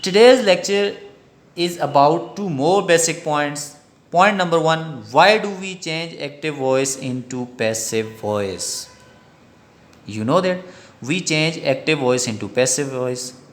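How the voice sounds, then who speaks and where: A man's voice: a little high, lively intonation, takes it slowly. A man with a Pakistani English accent giving a recorded grammar lecture, repeating each key sentence twice.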